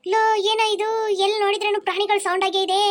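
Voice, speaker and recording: A woman's voice: extremely high pitch, level tone, quick pace. A woman voicing a bossy adult male kidnapper in a cartoon, barking curt orders. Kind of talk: cartoon voice acting.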